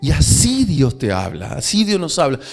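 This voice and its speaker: A man with a Rioplatense Spanish accent, preaching a sermon as pastor, with emphatic delivery, dramatic pauses and quoted prayers. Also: on the high side, wildly swooping pitch, vocal fry, faint music behind.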